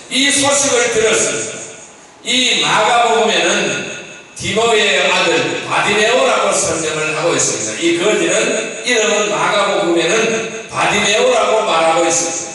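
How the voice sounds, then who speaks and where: A man preaches a Sunday sermon in a church sanctuary, his voice high and bright. He pushes into emphatic rising bursts when he voices a cry. The sound comes from a distance in a long, echoey hall. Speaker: pastor.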